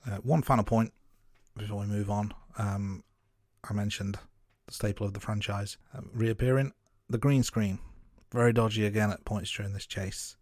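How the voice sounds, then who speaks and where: Lowish-voiced man, dry close sound. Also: steady tone, darkish tone, no echo. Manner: measured, note-by-note commentary. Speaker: podcast co-host. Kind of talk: casual film review chat.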